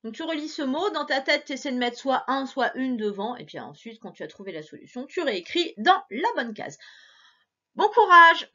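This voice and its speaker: Female teacher, playful and encouraging with a child; animated, slightly high voice, muffled lo-fi recording. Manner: encouraging, playful, slow syllable-by-syllable reading. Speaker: primary school teacher. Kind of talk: remote reading lesson for a child.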